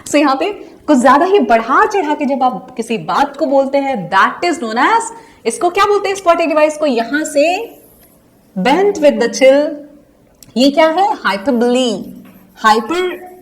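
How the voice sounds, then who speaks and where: A woman's voice: high-pitched, expressive, normal speed. A young woman with an Indian accent, teaching a poem lesson and asking and answering her own questions step by step. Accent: Indian English. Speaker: English teacher.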